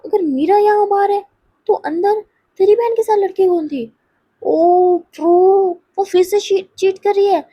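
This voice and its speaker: A woman doing a loud, excitable young friend. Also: high-pitched, moderate pace, vocal fry, husky, dry recording, lo-fi sound, heavily acted. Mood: shocked, excited. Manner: loud and breathless, blurting.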